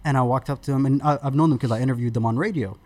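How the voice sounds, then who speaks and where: There's slight background noise as a Sudan-born podcast guest in his thirties shares stories in a conversational way. His voice is an average male pitch, and he talks in a relaxed, chatty manner with plenty of fillers and restarts.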